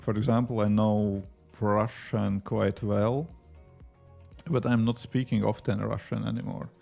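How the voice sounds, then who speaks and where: Over soft background music and dull audio, a man speaks unhurriedly in a low, dark voice with vocal fry and a level tone. A native Latvian speaker with a Latvian accent, he develops apps on a livestream and casually rambles through chat questions while working between tasks, with plenty of fillers.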